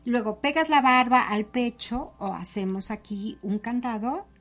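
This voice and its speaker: A woman talks as a yoga teacher, slightly high-pitched and calm. She guides each step gently and plainly, like a patient instructor. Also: measured pace. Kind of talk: guest explaining a breathing and chanting exercise.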